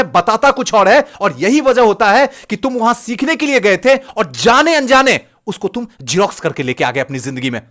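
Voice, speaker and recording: Man with bihari accent, motivational teacher, high voice, preachy, lots of rhetorical questions. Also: fairly bright tone. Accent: Bihari Hindi. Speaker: exam coaching teacher and motivational speaker. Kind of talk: fervent motivational lecture.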